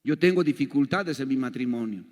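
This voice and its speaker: An older man teaching a church seminar as a pastor, telling animated stories and asking his audience rhetorical questions. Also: medium pitch, fairly quick, long reverb tail. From Bolivia. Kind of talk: seminar lecture to a congregation.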